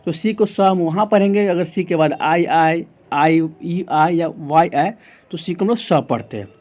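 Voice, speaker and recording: Teaching at a measured pace, an Indian English pronunciation instructor goes over his lesson in Hindi. His high voice has a darkish tone and an Indian English accent, and he keeps restating rules and answering the questions he puts to the class.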